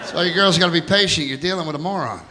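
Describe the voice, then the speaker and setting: A middle-aged man doing a stand-up comedy set on a theater stage, loud and jokey, jumping into high mocking voices for the people he quotes. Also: rapid-fire, background noise. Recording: live show in a big hall, loud crowd laughter.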